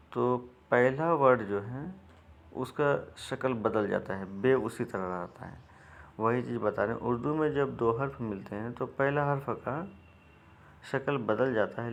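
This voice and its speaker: A man's voice: mid-range voice, gravelly. A man, teaching a reading lesson step by step in a patient, repetitive way. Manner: patient, repetitive, frequent restarts.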